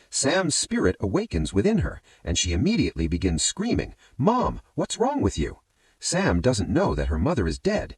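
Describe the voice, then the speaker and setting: A man's voice: mid-range voice, no echo. A man narrating a movie recap as a story, often calling his listeners friends. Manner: addresses listeners as friends, lively rising and falling delivery.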